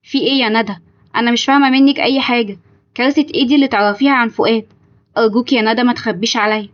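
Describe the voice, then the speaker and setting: A woman's voice: medium pitch, little pitch movement, very fast, muffled recording, natural voice. A woman with an Egyptian accent voicing a loving young bride-to-be who talks earnestly and pleadingly. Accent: Egyptian Arabic.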